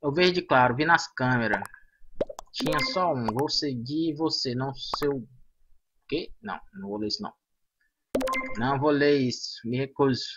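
A man hosting a gaming channel, chatting excitedly to himself and his viewers over gameplay. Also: medium pitch, moderate pace, pauses often, dull audio, noisy background. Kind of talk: casual gameplay commentary.

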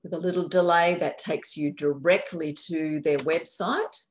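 Through a video call's computer mic, a county aging services worker leads viewers around a website on a shared screen. Her voice is low and fairly even, her pace measured, and her manner friendly, explanatory and self-correcting.

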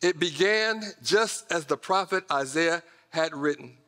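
This middle-aged American pastor's voice runs on the high side, pushed and bright, moving a little slowly. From a large church auditorium stage indoors, he preaches emphatically and conversationally, speaking directly to his flock with folksy asides, and the hall's reverberation fills the recording.

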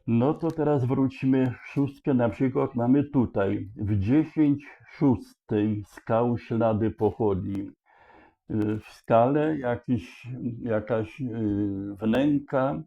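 Male puzzle explainer, unhurried and halting, restarts mid-phrase; dull lo-fi recording. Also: mid-range voice, creaky. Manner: thinks aloud with many hesitations and restarts. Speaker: puzzle solver explaining a charade. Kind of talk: slow explanatory walkthrough. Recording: dull lo-fi sound.

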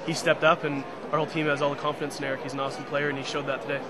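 A young man in his twenties, a team captain, answering post-match questions in a quick, easygoing way with a joke or two. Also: a little high, little pitch movement. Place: outdoor stadium, post-match. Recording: loud crowd noise behind.

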